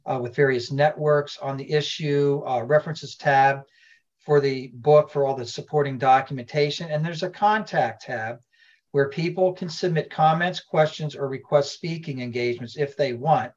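A man's voice: fairly high pitch, normal speed, a little mellow, dull audio. A man who is a veteran, giving plain, informational answers as a podcast guest. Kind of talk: podcast interview.

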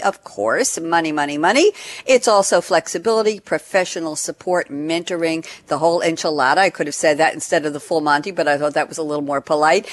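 An older American woman hosting a radio show in a chatty, playful, theatrical way, repeating phrases for effect. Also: low-pitched.

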